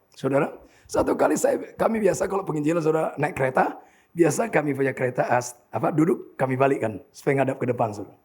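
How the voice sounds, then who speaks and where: Gravelly, animated preacher man in his sixties. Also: fairly high pitch. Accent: Indonesian. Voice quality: gravelly, husky. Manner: animated preaching, addresses congregation as saudara, shouts at climaxes. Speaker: pastor. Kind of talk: sermon. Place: church hall.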